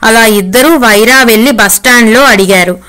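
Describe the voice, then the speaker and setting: Brief: female storyteller, scripted devotional narration, steady reading, slightly high voice. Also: normal speed.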